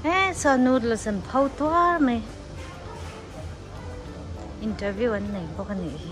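A woman's voice: a little high, big pitch swings, unhurried. A woman chatting casually on a travel vlog at an outdoor market, giggling often and slipping between languages. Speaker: vlogger. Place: outdoor market and noodle workshop. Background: background music.

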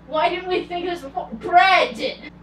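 A woman playing a hot-tempered, foul-mouthed young Italian man in an amateur cosplay comedy skit, snapping in loud outbursts, filmed by a far camera in a home kitchen. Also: very high voice, unhurried, echoey room, slight background noise. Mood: grumpy. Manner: swears and snaps in loud outbursts.

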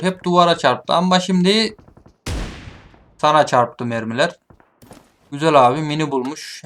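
A man giving gameplay commentary, taunting his opponents, muttering at some moments and shouting at others. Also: a little high. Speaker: gaming streamer. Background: game gunfire.

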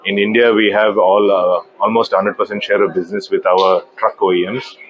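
A man in his thirties, a company managing director, giving a trade-show business interview in a measured, hesitant way with many fillers. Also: fairly low pitch, little pitch movement, highs cut off, a little hiss or hum. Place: indoor exhibition booth.

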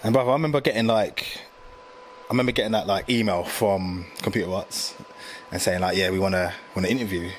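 Fast-talking man. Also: deep voice, a little hiss or hum. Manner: slangy, animated, lots of fillers. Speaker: graphic designer guest. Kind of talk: casual storytelling chat.

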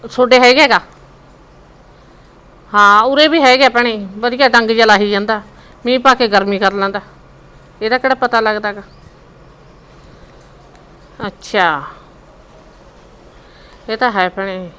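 An older woman as a bright, nagging Punjabi mother. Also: a little high, a little slow, long pauses, clear, resonant tone, low-quality recording. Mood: chatty. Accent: Indian Punjabi. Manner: chatty, teasing, scolding. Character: chatty, nagging mother of a married son. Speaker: mother in a family drama. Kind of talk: village web drama acting.

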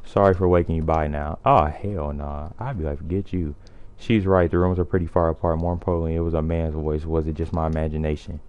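A man's voice: rumbling low, little pitch movement, quick pace, dark tone, clear, resonant tone, no echo, lo-fi sound. A young man giving slangy, joking commentary while playing a horror game and reading its text aloud. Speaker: let's play gamer. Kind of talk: casual gameplay commentary.

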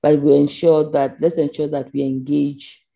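A woman's voice: low-pitched, level tone, normal speed, creaky, mellow. A woman giving a conference keynote over slides, earnest, with frequent ums as she asks for the next slide. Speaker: keynote speaker.

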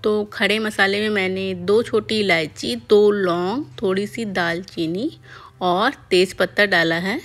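A woman calmly narrating a home cooking tutorial step by step as a voice-over. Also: medium pitch, unhurried. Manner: calm step-by-step explaining. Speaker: cooking channel host.

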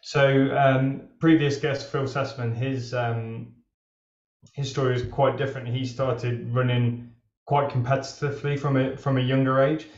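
A man's voice: medium pitch, level tone, unhurried, a little mellow, no echo, muffled recording. A man in his thirties hosting a running interview show, talking casually with lots of fillers. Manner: chatty, loose, many fillers. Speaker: running podcast host. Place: outdoors on a wet street, then a home room on a video call.

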